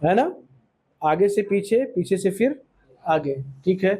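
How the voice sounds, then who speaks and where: A man's voice: sits high, animated, dark tone, slightly rough. A man teaching Islamic law to a class, quizzing the students and often checking that they agree, with English words mixed in. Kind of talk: classroom lesson with questions to students.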